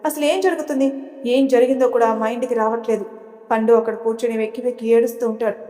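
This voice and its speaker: A woman storyteller narrating a serial drama in a steady, dramatic way. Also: on the high side, fast. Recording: long reverb.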